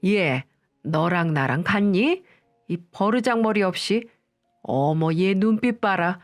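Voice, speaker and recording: A woman's voice: medium pitch, lively intonation, slow, faint music behind. A woman voicing a harsh, bossy middle-aged mother-in-law who scolds with contempt, in a storybook radio reading. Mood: scornful.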